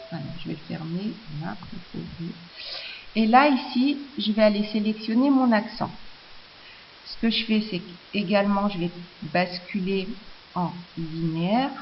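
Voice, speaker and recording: A woman explaining software step by step in a screencast tutorial, hesitant, with many fillers and restarts. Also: medium pitch. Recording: slightly dull lo-fi audio with faint hiss.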